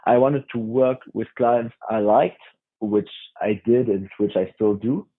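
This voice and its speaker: Husky young man on a tinny line. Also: fairly low pitch. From France. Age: 20s. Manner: hesitant, halting with many restarts. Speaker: guest. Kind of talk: casual interview chat.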